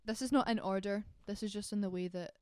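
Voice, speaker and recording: This is a young woman co-hosting a laid-back book podcast, chatting and giggling with her friend. Her voice is smooth and clear, at an ordinary middle pitch. The recording is dry and close. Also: quick pace, no echo. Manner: giggly, chatty, animated storytelling. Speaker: podcast co-host. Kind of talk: casual chat.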